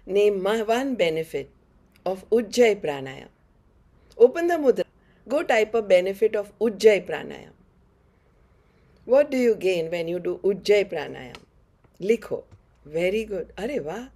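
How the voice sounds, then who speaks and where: Her mid-range, mellow voice is expressive and a little slow, with frequent pauses, as this middle-aged North Indian-accented woman gives short, encouraging yoga cues to an online class. She faces the camera in a head-and-shoulders webcam view.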